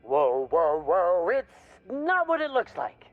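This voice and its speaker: An actor playing a flustered, folksy sports mascot who pleads and gushes, in a video game. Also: male voice, high-pitched, huge pitch swings, slow, phone-quality sound, a little hiss or hum, full character voice. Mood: nervous bargaining. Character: panicky, folksy male sports mascot turned bumbling errand runner. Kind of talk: video game character acting.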